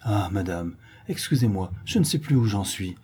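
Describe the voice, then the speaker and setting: A man voicing a timid, emotional gentleman who stammers and gushes, in an audiobook reading. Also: lowish voice, expressive, moderate pace, breathy edge. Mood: effusive. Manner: stammering, gushing, tearful. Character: timid, emotional middle-aged man, easily flustered.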